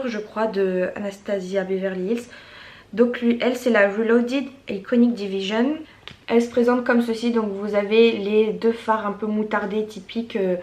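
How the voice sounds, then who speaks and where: A woman's voice: mid-range voice, echoey room. A woman vlogger casually reviewing her makeup collection, chatty, with many fillers and restarts. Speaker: beauty vlogger.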